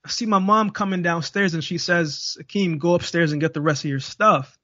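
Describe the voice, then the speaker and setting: A man's voice: fairly high pitch, fairly quick, bright, forceful tone, no room sound, highs cut off. A young man from Jamaica, a guest speaker, telling his life story and acting out the dialogue. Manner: vivid storyteller, acts out dialogue. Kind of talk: storytelling interview.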